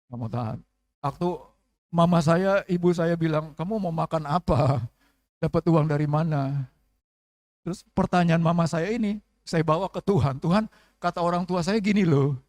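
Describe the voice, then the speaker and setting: Seorang pendeta pria paruh baya berkhotbah dalam ibadah gereja, sering bertanya kepada jemaat. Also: male voice, fairly high pitch, darkish tone, dry recording, studio quality. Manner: preaching with call-and-response questions and acted prayers. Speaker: pastor. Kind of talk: sermon. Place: church service.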